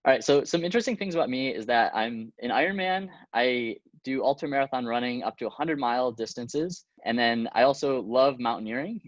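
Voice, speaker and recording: A man's voice: medium pitch, expressive, fairly quick, few pauses, dry recording, dull audio. A man in his twenties from New York State, introducing his team in a friendly, straightforward way. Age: 20s. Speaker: team captain.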